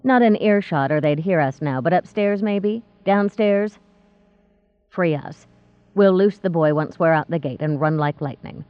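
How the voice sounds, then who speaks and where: A coarse, cruel woman kidnapper who taunts her captives and speaks with a low, menacing edge, as a woman reader puts her on. The sound is tinny and phone-like, with no room around it. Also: unhurried, smooth, no echo, lightly acted. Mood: taunting.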